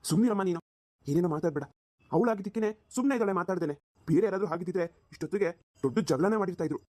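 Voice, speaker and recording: Woman doing a rapid-fire flustered cartoon husband, dry close sound, pleading. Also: on the low side, warm tone, dry recording, natural voice. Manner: pleading, exasperated. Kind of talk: cartoon voice acting.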